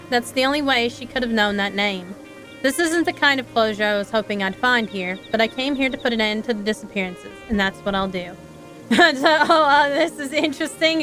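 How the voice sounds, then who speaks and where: A bright, high-voiced woman, a VTuber streamer, gives live game commentary while reading dialogue aloud, tossing in casual, playful asides. Game music plays in the background.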